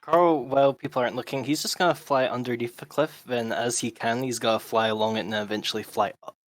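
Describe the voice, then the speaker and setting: A man's voice: medium pitch, fairly even intonation, quick pace, no room sound. A man playing a tabletop game, casually describing what his character does. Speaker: player.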